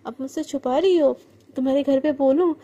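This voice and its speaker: A woman's voice: high voice, a little fast, dark tone, natural voice. Woman voicing a bossy, suspicious older roommate. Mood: stern. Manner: scolding, commanding.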